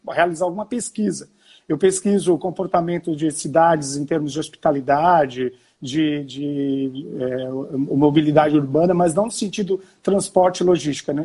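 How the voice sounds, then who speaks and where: A man's voice: high-pitched, warm tone, slightly rough. A man from Portugal, a university professor, hosting a casual live-stream conversation over a video call and explaining at length with restarts.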